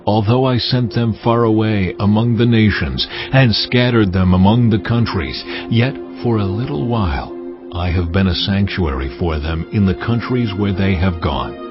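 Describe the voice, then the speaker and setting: An actor playing a solemn, commanding God who pronounces judgment gravely and deliberately in a dramatized audio Bible. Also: male voice, fairly low pitch, natural voice. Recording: muffled sound with music behind. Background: cinematic music.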